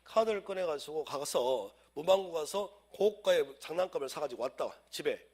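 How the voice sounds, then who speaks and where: A man's voice: fairly high pitch, animated, normal speed, darkish tone, husky. A man teaching civil law in an exam-prep lecture, drilling students with chants and acting out everyday scenes to explain the rules.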